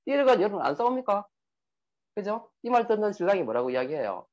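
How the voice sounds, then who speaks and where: A man's voice: sits high, fast. A man giving a motivational seminar talk who keeps asking his audience questions. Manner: lively, asks the audience questions. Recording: muffled lo-fi recording.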